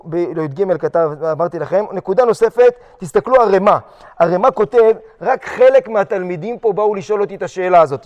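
This man teaches a religious lesson at a yeshiva with real energy, throwing questions at the room and dramatizing little quotes. His voice sits high for a man, and a long reverberation surrounds it, as if in a large hall.

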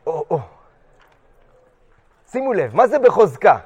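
A man teaching a lively religious lesson to his students, throwing questions at the room and acting out little quotes. His voice sits high for a man. It rings with a long echo, as in a big hall. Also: lo-fi sound. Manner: animated, questions the class, acts out short quotes. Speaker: yeshiva teacher.

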